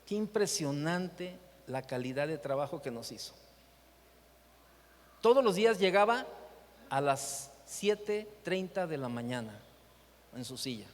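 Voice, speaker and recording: Mexican guy preaching at a church seminar, kinda high voice, big echoey hall. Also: measured pace, pauses often, slight background noise. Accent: Mexican Spanish. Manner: animated storytelling with rhetorical questions. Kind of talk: preaching talk with anecdotes.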